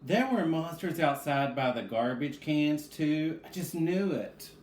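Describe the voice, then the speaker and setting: Here a male reading teacher runs a read-aloud lesson for kids, asking questions and answering them himself as he addresses the children. He sounds a little high and animated, with an unhurried pace and a darkish tone, captured in an echoey room with faint background noise.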